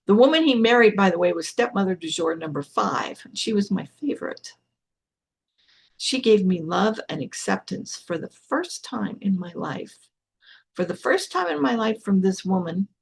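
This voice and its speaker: A woman's voice: fairly low pitch, vocal fry, slightly rough. An older woman hosting a spiritual podcast, telling her own story in a frank, blunt way with some swearing. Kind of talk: candid personal storytelling.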